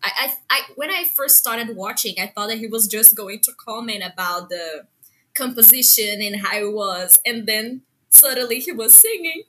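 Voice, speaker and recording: A woman co-hosting a podcast, chatting casually, excitable and laughing often. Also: on the high side, normal speed, a little hiss or hum. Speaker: podcast co-host. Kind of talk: casual chat.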